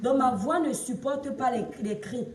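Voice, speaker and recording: A Cameroonian woman with a Cameroonian French accent, hoarse from shouting, chatting on a live stream, greeting viewers and lecturing them. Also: high-pitched, unhurried, roomy sound, far from the mic, slight background noise. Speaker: livestream influencer and seller. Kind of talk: casual Facebook live chat.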